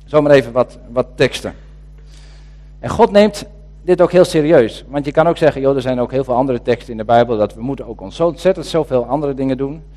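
A man preaching a sermon in a conversational way, pausing with hesitations and reading scripture passages with emphasis. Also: mid-range voice, mellow.

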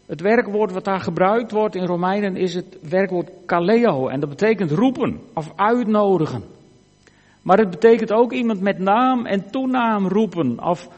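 A man preaching a sermon in a church, earnest, moving between emphatic lines and hushed, quiet ones. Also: high-pitched, moderate pace. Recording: church hall reverb.

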